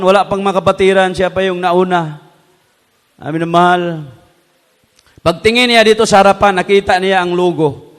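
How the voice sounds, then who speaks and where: A woman preaching a fervent sermon, her voice ringing through a hall with a long echo. She keeps addressing her listeners as beloved and urges them to shout praise. Her delivery swings from loud, high exhortation to hushed, low storytelling. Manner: calls the crowd to shout praise.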